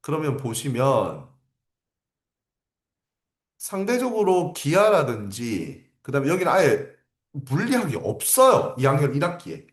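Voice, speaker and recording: Male teacher, raised pitch and lively delivery, emphatic and repetitive, in an echoey room. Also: measured pace, pauses often. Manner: emphatic, repeats key phrases, asks rhetorical questions. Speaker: academy teacher. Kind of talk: livestream lecture to parents.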